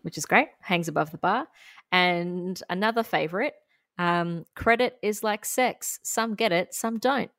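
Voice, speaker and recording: A woman's voice: lowish voice, a little slow, a bit bright, dry recording, clean studio sound. Chatty, giggly Australian woman. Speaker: podcast co-host. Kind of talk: casual chat.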